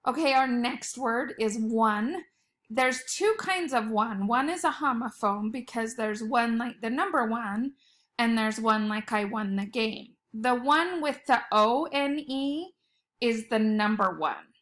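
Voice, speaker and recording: A woman's voice: fairly high pitch, slow, a bit bright. A woman teacher giving a recorded spelling lesson from home, patiently sounding out letters and words. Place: home at night.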